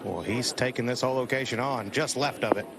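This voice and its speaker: A man's voice: medium pitch, fairly quick. A man who works as a golf commentator, describing play live from an outdoor course. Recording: loud outdoor course noise.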